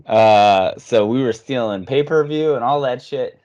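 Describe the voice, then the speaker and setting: A man's voice: mid-range voice, unhurried, darkish tone, muffled recording. A man co-hosting a movie podcast, talking loosely and laughing, with frequent swearing. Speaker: podcast co-host. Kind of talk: casual movie chat.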